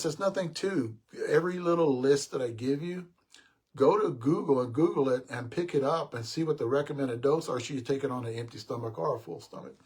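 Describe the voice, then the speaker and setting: Older guy chatting on a live stream, kinda husky, tells long rambly stories, keeps saying guys. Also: on the high side. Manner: rambling storyteller with restarts; addresses viewers as guys. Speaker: host. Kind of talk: casual live-stream chat.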